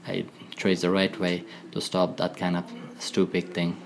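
A man with an Afghan accent, a former commando speaking as a podcast guest in halting English full of pauses and restarts. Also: low voice, completely flat delivery, creaky, slight background noise. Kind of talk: conversational interview.

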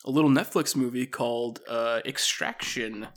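A podcast host with a medium-pitched male voice chats about a movie at a moderate pace, relaxed and laughing, his casual review full of fillers.

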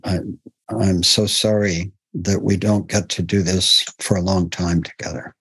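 A man with a low, husky voice hosts a contemplative interview. He speaks slowly and gently, pausing often. The recording is dry and close. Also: steady tone, no room sound, low-quality recording. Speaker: host.

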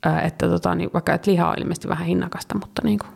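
A woman with a gravelly, fry-laden voice co-hosts a casual chat. She talks in a lively, easygoing way and drops English phrases into her speech. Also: fairly low pitch. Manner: lively, mixes English phrases, laughs often. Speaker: podcast co-host.

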